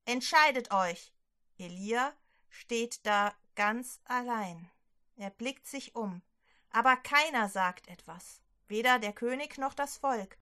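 A woman leading a prayer and telling a Bible story to children, gentle and clearly spoken. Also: fairly high pitch, slow pace.

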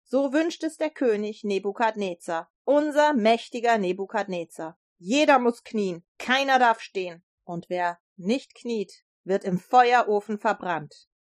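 A male royal herald calls out a stern proclamation to the crowd, as a woman storyteller voices him. His voice is fairly high and the sound is dry and close. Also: a little slow, few pauses, no room sound, close to an everyday voice. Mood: proclaiming. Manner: announcing, proclaiming. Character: loud male royal herald making an announcement.

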